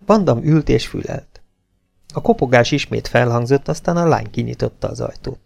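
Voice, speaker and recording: A man narrating a novel in an audiobook, reading in an even, steady way. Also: medium pitch, creaky.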